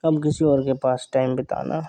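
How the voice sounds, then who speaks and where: A man's voice: mid-range voice, flat delivery, moderate pace, mellow, no room sound. A young man on a staged romantic phone call, sulking and insisting he is fine. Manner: sulky, hurt, keeps insisting he is fine.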